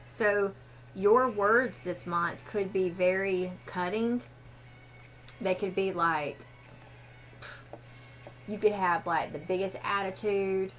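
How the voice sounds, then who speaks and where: A woman fortune teller giving a casual card reading, speaking haltingly and directly to the listener. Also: medium pitch, fairly even intonation, fairly bright tone, faint music behind. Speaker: fortune teller, tarot and oracle card reader.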